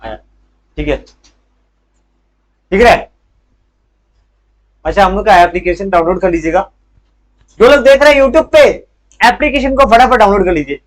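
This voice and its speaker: A man's voice: high voice, moderate pace, pauses often, low-quality recording. A young man teaching a commerce class, full of energy, who keeps asking questions and answering them himself. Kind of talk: live class lecture.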